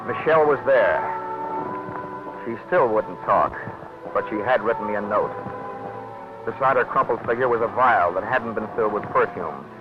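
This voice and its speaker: A man's voice: mid-range voice, close to an everyday voice. An actor playing a hard-boiled male insurance investigator who narrates in a wry, clipped, wisecracking style in a 1940s radio drama. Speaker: lead and narrator. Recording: dull old radio broadcast with music.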